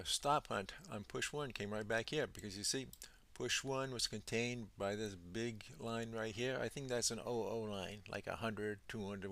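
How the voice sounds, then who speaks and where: A man teaching as a trading instructor, walking through charts on screen in an unhurried way, thinking aloud with many fillers. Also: on the low side, creaky, fairly bright tone. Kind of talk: screen-share chart walkthrough.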